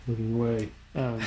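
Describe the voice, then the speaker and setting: A man's voice: medium pitch, darkish tone. A man in casual conversation, recalling things in a rambling, unsure way with many fillers.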